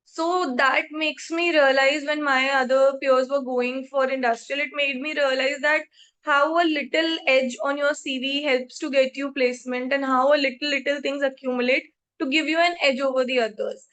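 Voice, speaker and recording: Young woman, Indian accent, high voice, articulate, self-assured, podcast guest answering questions. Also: steady tone, normal speed, a bit bright. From Jaipur, India. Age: 20s. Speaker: podcast guest, accountancy trainee. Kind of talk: interview answers about career.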